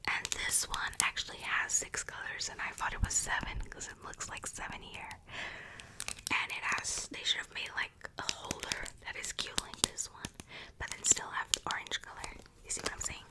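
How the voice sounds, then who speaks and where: A woman's voice: moderate pace, poor audio. A woman whispering close to the microphone, chatting in a rambling way and correcting herself as she goes. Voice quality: soft unvoiced whisper. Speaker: ASMR creator. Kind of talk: whispered ASMR movie recommendations. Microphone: close ASMR microphone.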